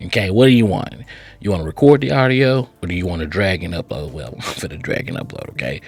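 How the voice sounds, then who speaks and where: Hosting a software tutorial channel, this man walks through steps in a casual, chatty, instructional way, often checking in with short tags. He has a low, husky voice and talks fast.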